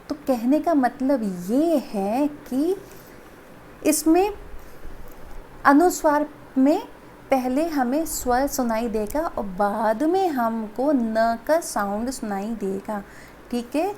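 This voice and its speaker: Slow, patient woman teaching children. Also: high voice, a little mellow, a little hiss or hum. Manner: patient, repeats and asks children if they understood. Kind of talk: classroom Hindi lesson.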